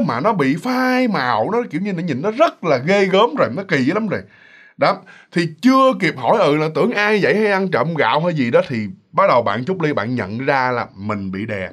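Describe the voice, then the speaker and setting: A man tells a ghost story to his listeners. His voice sits high and swoops through a wide range as he chats along, and he slips into the voices of the people in the story. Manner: chatty and animated, addresses listeners directly, acts out voices.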